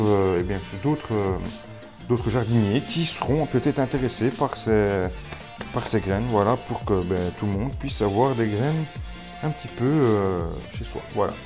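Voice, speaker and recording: A man talks casually to camera in a somewhat low voice, stumbling through fillers and restarts with a self-mocking humor. Faint music plays softly behind him. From Belgium. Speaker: gardening YouTuber. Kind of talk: casual vlog talk to camera.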